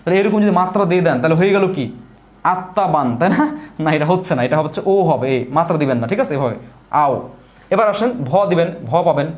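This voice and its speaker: Young guy teaching an exam prep class online, highish voice, keeps repeating and quizzing then answering himself. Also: lively intonation, fast. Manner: repetitive, asks questions and answers them himself; explains step by step while writing. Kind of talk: live online lesson.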